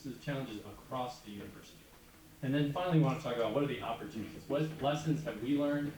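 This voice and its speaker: A man's voice: mid-range voice, slight background noise. Man moderating in an echoey hall. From United States. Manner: relaxed, conversational, informal fillers. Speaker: panel moderator. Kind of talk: casual panel moderation. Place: large conference hall. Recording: echoey hall from far off with audience.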